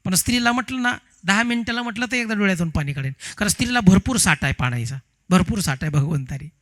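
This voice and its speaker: A man preaching a devotional sermon, telling parables in an animated way and asking the audience rhetorical questions. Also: high voice, fast. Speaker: kathakar preacher.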